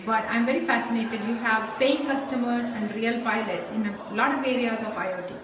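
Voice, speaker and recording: A woman's voice: a little high, steady tone, brisk. A woman hosting a show, chatting and asking her guest encouraging questions. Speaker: show host. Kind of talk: interviewing a guest. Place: noisy event venue. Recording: distant mic in echoey noisy venue.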